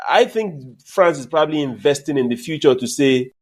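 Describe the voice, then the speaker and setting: Higher-voiced man, emphatic sports chat. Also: normal speed. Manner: emphatic, lively opinionated delivery. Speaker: podcast co-host.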